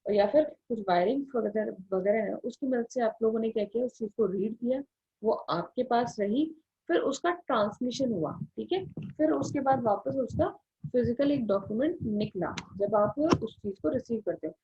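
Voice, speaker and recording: An Indian engineering lecturer gives an explanatory classroom lecture in Hindi mixed with English terms, going step by step and frequently adding check-in tags. Her voice is on the high side, animated, slightly rough and at a moderate pace, captured in a dull lo-fi recording.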